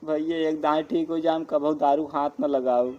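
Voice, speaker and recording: A man's voice: fairly high pitch, fairly even intonation, normal speed, darkish tone, muffled recording, lightly acted. A man with an eastern Uttar Pradesh accent playing a town drunk, a whiny, pleading village husband, in an amateur comedy skit.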